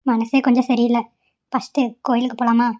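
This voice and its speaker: A woman's voice: on the high side, little pitch movement, brisk, a little mellow, muffled recording, close to an everyday voice. A woman voicing a stubborn, devoted young wife in a cartoon, pleading and insistent. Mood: gentle. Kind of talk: cartoon voice acting.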